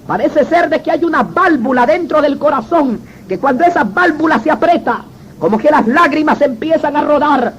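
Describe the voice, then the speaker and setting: A man's voice: extremely high pitch, lively intonation, moderate pace, fairly bright tone, a little hiss or hum, poor audio. A man giving a religious conversion testimony, telling it dramatically and addressing the listener as brother. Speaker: former gang member giving a testimony.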